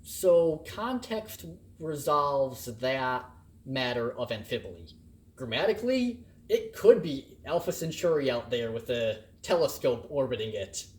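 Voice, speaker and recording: A man teaching a recorded critical thinking lecture, playful and animated, trying out the same sentence with shifting emphasis. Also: medium pitch, measured pace. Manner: animated and playful, acting out examples in varied emphasis. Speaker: college instructor.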